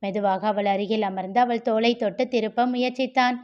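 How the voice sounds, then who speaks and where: A woman reading a novel aloud as storyteller, narrating at a steady, even pace. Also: on the high side, a little fast, dull audio.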